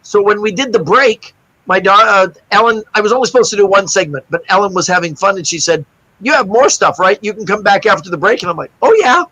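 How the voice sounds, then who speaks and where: A man's voice: high voice, quick pace, dry recording, rough recording. A middle-aged man, a guest magician, telling a story in a casual interview and acting out the other people's lines. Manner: animated anecdote-teller, acts out quoted voices.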